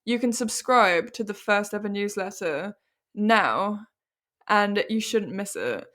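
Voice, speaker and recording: A woman's voice: medium pitch, lively intonation, slow pace, a bit bright. A young British woman co-hosting a podcast, chatting casually and rambling with frequent laughter. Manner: giggly, rambling, often laughs mid-sentence. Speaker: podcast co-host. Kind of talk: casual chat.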